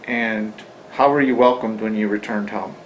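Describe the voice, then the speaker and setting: A man's voice: fairly low pitch, steady tone, normal speed, slight background noise, poor audio. A man asking short, plain questions as an interviewer.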